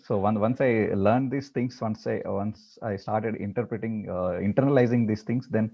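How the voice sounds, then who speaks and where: A man teaching a meditation class, talking in a halting way with many repeated words and fillers before leading the practice. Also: fairly low pitch, lo-fi sound. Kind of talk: talk before guided meditation.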